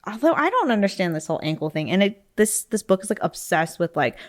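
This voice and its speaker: A woman's voice: medium pitch, very animated, fast. A woman co-hosting a casual podcast, reading passages aloud from an astrology book and musing on them with lots of "um" and "like.". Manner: reads passages then muses on them, with many fillers like "um" and "like". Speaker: podcast co-host.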